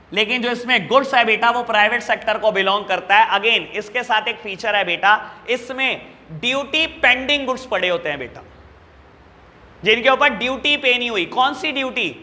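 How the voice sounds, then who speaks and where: A man teaching a commerce class, warmly calling his students "beta" and asking them questions that he answers himself. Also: extremely high pitch, moderate pace, big-room sound. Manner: affectionate, calls students "beta" and "babu" constantly. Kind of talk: classroom lecture.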